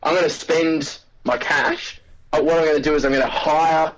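A man's voice: fairly high pitch, fairly even intonation, moderate pace, muffled recording. An Australian man, a guest actor, telling stories in casual, sweary, laughing chat. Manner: laid-back storyteller, sweary, laughs often.

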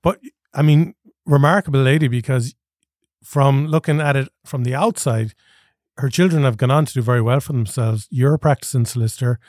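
A man's voice: mid-range voice, fairly quick, darkish tone, no echo. Irish male podcast host, dry studio sound. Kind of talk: podcast introduction and conversational interviewing.

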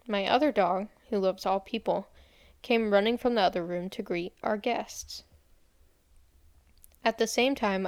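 A woman's voice: medium pitch, clear, resonant tone, no room sound, clean studio sound. Young woman reading stories on a podcast. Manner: giggly, reads in a plain storytelling voice. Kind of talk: casual chat and reading stories aloud.

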